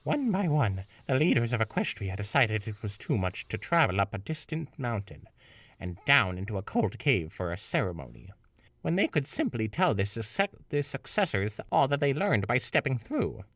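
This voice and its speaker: A man's voice: mid-range voice, big pitch swings, moderate pace, fairly bright tone, dry recording, far from the mic. A man putting on a stately ancient pony princess. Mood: solemn. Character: regal ancient female pony princess, solemn.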